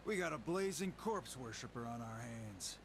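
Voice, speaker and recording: An actor playing a hostile, taunting male thug in a fantasy game, with a gruff delivery. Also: mid-range voice, lively intonation, moderate pace, close to an everyday voice. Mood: contemptuous. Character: hostile, sneering male thug claiming ruins. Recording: quiet noisy game audio with ambience.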